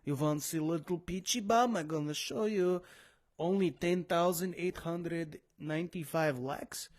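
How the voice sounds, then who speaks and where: A man's voice: a little high, measured pace, a little mellow, close to an everyday voice. A man putting on the voice of a vain young woman athlete in teasing baby talk. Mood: coy.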